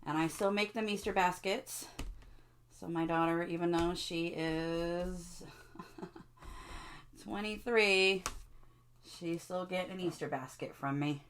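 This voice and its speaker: A middle-aged woman talks her viewers through a craft project at a leisurely pace. Her voice sits slightly low, and she keeps tossing friendly questions to the audience. A faint hiss of noise runs under the recording. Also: steady tone, slow pace, long pauses, fairly bright tone. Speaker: craft video host. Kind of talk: casual crafting tutorial.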